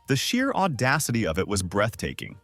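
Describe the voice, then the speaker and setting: A man's voice: lowish voice, huge pitch swings, fairly quick, a bit bright, no echo, faint music behind. A man narrating a scripted first-person story in a dry, sardonic manner.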